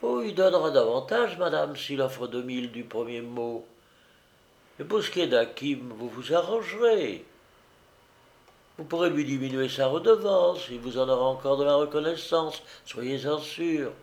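A man's voice: medium pitch, lively intonation, moderate pace, a little mellow, voice pushed up, close to an everyday voice. A man reading aloud, voicing a sly, persuasive woman housekeeper who coaxes her mistress. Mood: wheedling. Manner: wheedling, persuasive.

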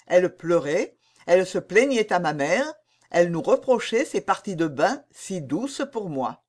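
A woman reading the lines of a young king who is lovesick, jealous and tormented, in an animated, pleading voice. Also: fairly low pitch, unhurried. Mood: anguished. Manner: pleading, heated outbursts.

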